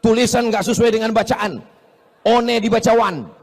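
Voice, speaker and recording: A man's voice: high voice, normal speed, creaky. Joking male preacher in a reverberant hall. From Indonesia. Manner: joking, teasing the crowd, mimicking voices. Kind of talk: humorous sermon to a large audience.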